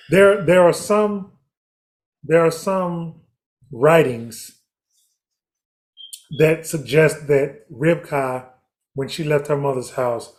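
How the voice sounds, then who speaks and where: A man's voice: a little high, a little mellow. A man leading a casual Bible study discussion, reflective and interjecting with hallelujah.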